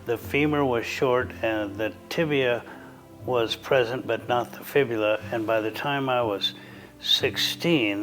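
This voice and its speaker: A man who is a surgeon, recalling his work in an interview in a calm, measured, reflective way. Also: medium pitch, poor audio. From United States. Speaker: orthopedic surgeon. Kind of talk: interview recollection.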